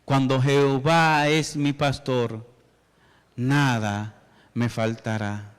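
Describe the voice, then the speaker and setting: A man's voice: mid-range voice, flat delivery, slow, clear, resonant tone. A middle-aged man preaching a sermon as pastor, telling a story and rising to emphatic passages. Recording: long hall reverb.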